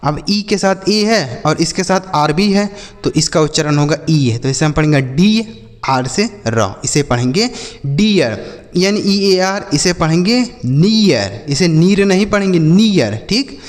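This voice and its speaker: A man whose voice runs a little high gives a spoken classroom lesson in English reading at a moderate pace, the sound carrying a big-room quality. He spells out words letter by letter and keeps repeating questions to a class that isn't really there.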